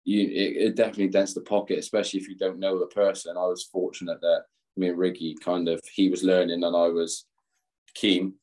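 A man's voice: low-pitched, little pitch movement, fairly quick, a little mellow. A young English man, a former footballer, chatting casually as an interview guest, rambling and laughing at himself. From England. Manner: rambling, laughs often, self-deprecating. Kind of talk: casual chat.

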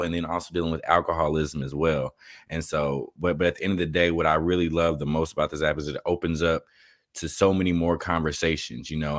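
A man's voice: low-pitched, fairly bright tone, no room sound, clean studio sound. A man interviewing a guest in casual, earnest talk. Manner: earnest, frequent agreeing murmurs.

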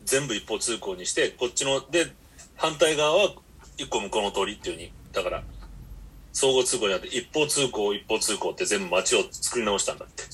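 A man's voice: lowish voice, expressive, brisk, a bit bright, slight background noise. A man hosting a podcast, telling long rambling stories in blunt casual chat. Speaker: podcast host.

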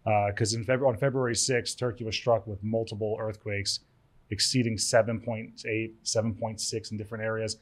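A man's voice: lowish voice, flat delivery, a little fast. A man from Cyprus, an event organizer, chatting casually on a podcast and often restarting his sentences. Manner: rambling, repeats words, laughs easily. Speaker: event organizer, studio owner.

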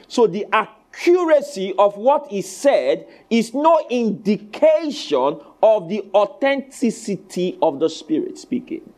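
Preacher exhorting in high, swooping pitch. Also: male voice, a little mellow. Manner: call-and-response questions to the congregation. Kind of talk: sermon, teaching from scripture.

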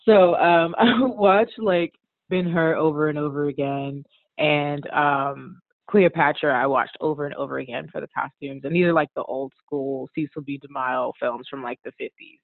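A woman's voice: low-pitched, normal speed, no echo. A woman from the Washington DC area, a costume designer guest, chatting casually with lots of "like" and "um". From Washington DC area, USA. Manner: relaxed, chatty, frequent "like" and "um", laughs often. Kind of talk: casual conversational interview. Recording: tinny phone-like line, dry.

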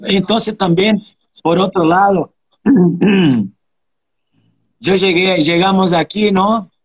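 Husky guy in his 30s from brazil, bit higher voice, dry dull lo-fi sound. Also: slow, no room sound. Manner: earnest, reflective, tags lines with questions. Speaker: interviewee, capoeira practitioner. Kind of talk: casual interview conversation.

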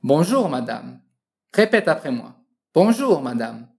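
The French lesson is led by a woman whose low voice rises and falls in lively swoops. She's encouraging, getting the listener to repeat every phrase, which she drills with slow precision.

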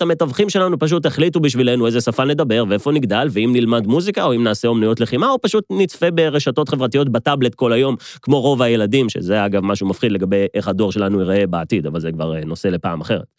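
Israeli man with lively, swinging intonation. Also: mid-range voice, hardly any pauses, no room sound, clean studio sound. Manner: emphatic, addresses listeners directly, rhetorical repetition. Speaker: podcast host. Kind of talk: motivational podcast monologue.

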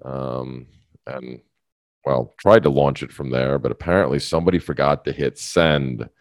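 A man with a very low, deep voice co-hosts a casual podcast, rambling and restarting his sentences as he goes. He laughs often. The sound is dry and close, with no room echo. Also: fairly even intonation, moderate pace. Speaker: podcast co-host. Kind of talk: casual chat.

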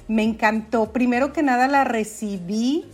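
A woman's voice: a little high, moderate pace. A woman with a Mexican accent, a podcast guest telling her story in casual, chatty conversation. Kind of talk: casual chat.

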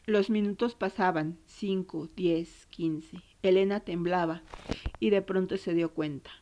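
A woman with an Argentine accent reading literary nonfiction in a measured, somber way. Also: fairly low pitch, steady tone, warm tone, muffled recording. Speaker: narrator.

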